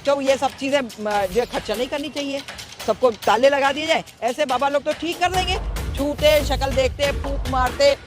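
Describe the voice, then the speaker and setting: A woman's voice: high-pitched, normal speed, music in the background. A woman answering a street interview outdoors, emphatic and indignant, often asking "right?" as she makes her points.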